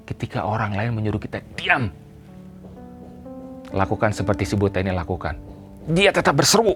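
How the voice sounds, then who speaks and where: A man preaching a sermon to a church congregation. He speaks emphatically, addresses them directly, and builds to loud, repeated cries. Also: medium pitch. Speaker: pastor. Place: church service.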